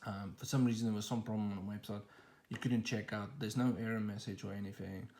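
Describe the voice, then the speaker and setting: A man with a low, gravelly voice talks viewers through an unboxing in a loose, rambling way. His delivery stays flat and even, and it is full of "um"s and restarts. He sounds like he is recording on a phone held in one hand at home. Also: fast talker. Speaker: tech channel host. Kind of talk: casual unboxing walkthrough.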